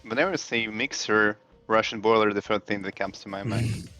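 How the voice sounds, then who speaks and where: A man's voice: on the low side, fairly even intonation, brisk, sharp tone, faint music behind, rough recording. A man from Ukraine commentating a fighting-game tournament with teasing, joking banter. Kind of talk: casual esports commentary.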